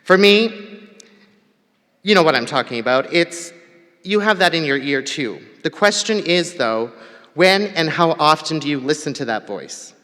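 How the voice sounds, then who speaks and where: Man from Tanzania, convocation speaker, candid and funny, slightly high, ringing hall. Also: expressive, unhurried, sharp tone. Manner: candid and personal, with light humor. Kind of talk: prepared ceremony speech. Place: large hall. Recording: long hall reverb.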